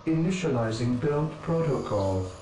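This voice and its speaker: A man's voice: mid-range voice, animated, moderate pace, slight background noise. A man voicing an obedient cyborg servitor builder in a video game, his voice processed to sound robotic, like a machine starting up. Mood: mechanical. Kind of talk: video game unit voice line. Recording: echoey, distant, with loud game music.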